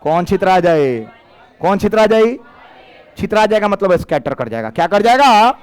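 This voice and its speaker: A man's voice: sits high, very animated, moderate pace, smooth, some chatter behind. A man runs a physics class. He keeps throwing questions back at the students, then answers them himself. His talk moves between plain Hindi and Bhojpuri phrases. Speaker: teacher.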